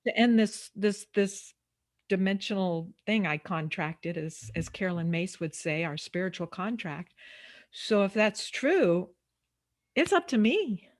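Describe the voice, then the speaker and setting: A woman's voice: medium pitch, expressive, unhurried. A woman hosting a casual interview, chatty, with many fillers and playful asides. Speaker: interview host.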